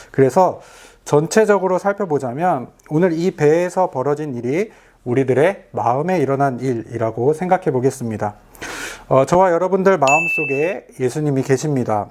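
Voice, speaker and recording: Earnest man preaching a gentle sermon. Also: fairly high pitch. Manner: earnest, gentle, speaks directly to listeners. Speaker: youth pastor. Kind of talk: recorded video sermon.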